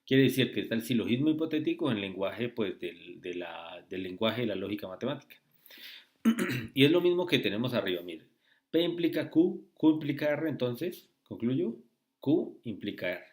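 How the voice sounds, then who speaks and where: A man tutoring logic in a screen-recorded lesson, speaking slowly and often checking with "¿sí?" and "¿listo?". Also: medium pitch, very animated, darkish tone. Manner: slow, repetitive, asks rhetorical checks.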